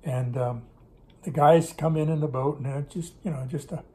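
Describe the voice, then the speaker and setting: Recalling his business days in Russia, an older man speaks in a slightly high, dark voice with fairly even intonation and a moderate pace. Seated indoors at his kitchen table for a casual interview, he rambles and corrects himself, recorded by a camera placed in front of him.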